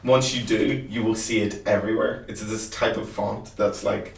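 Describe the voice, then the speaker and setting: A man's voice: on the low side, steady tone, normal speed, gravelly, a little hiss or hum. Male podcast co-host, casual and emphatic, echoey, slightly off-mic. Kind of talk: casual chat. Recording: roomy, distant microphone.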